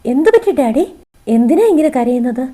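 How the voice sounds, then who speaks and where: A woman's voice: high voice, expressive, brisk, mellow. A woman reading the part of a young daughter who speaks eagerly and hopefully.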